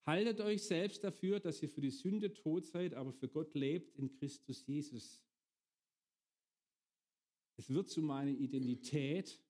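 A man's voice: medium pitch, dark tone. A middle-aged man preaching a sermon, often turning to his congregation with direct questions.

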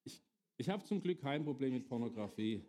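Mellow-voiced preacher man. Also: mid-range voice, animated, a little fast. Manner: asks the congregation questions directly. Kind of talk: sermon to a congregation.

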